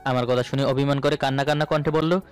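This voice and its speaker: A man narrates a scripted romantic audio story in the first person over background music. His mid-range voice is steady in tone, fast, and clean.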